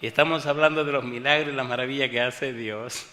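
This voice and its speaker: A male pastor preaching a sermon, firing rhetorical questions at the congregation and reading scripture slowly and drawn out. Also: medium pitch, steady tone, pushed and bright. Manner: rhetorical call-and-response questions. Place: church hall with a congregation. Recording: long hall reverb.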